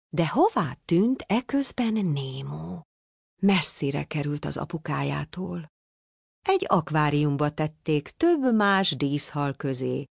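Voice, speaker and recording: A woman reads a children's storybook aloud in a low, slightly gravelly voice. Her intonation swings widely, and the recording is close and dry. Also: dry recording. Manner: expressive, animated storytelling. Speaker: narrator.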